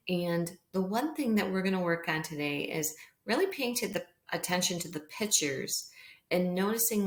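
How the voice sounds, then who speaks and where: A woman teaches very young children in the simple, deliberate way of someone reading to little ones. Her pace is notably slow and her pitch sits a bit low for a woman. The recording has a roomy echo. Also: a bit bright. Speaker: kindergarten teacher. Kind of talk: read-along reading lesson for young children.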